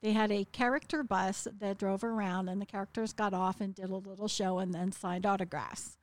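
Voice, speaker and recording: A middle-aged woman co-hosting a casual chat, upbeat and quick to laugh. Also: mid-range voice, steady tone, no room sound. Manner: upbeat, laughs often, fills in his stories. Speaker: podcast co-host.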